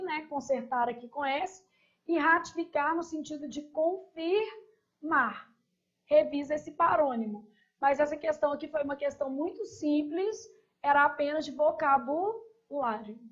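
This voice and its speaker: Going through exam questions step by step, a high-voiced woman teacher keeps checking in with brief tag questions in a recorded review lesson. The recording has its highs cut off.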